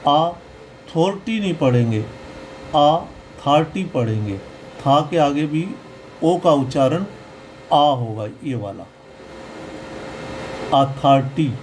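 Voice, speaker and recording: A man teaching pronunciation in a slow, explanatory lesson, patiently repeating each sound. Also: on the high side, a little mellow, a little hiss or hum, low-quality recording.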